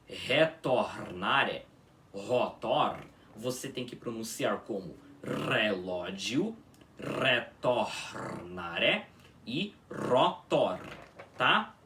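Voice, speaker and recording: A man teaching a pronunciation lesson, demonstrating each sound slowly and checking in with his students. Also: mid-range voice, very animated, fairly bright tone, recorded from a distance, a little hiss or hum. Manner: drawn-out patient demonstrations, frequent "tá?" checks. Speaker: language teacher.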